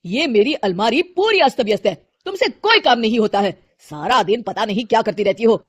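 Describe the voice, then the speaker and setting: Brief: grumbling husband figure, voiced by a woman, loud and blaming. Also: a little high, animated, brisk, husky. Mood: irritated. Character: irritable complaining husband.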